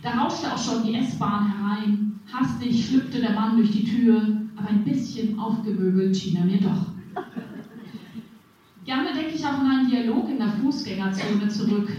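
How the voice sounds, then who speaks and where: A woman's voice: a little high, moderate pace, slight background noise. Wry woman reading comedy, echoey and distant. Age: 40s. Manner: wry, deadpan storytelling with playful voicing. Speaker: humor columnist reading her text. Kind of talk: reading a humorous first-person column. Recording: dull echoey distant recording.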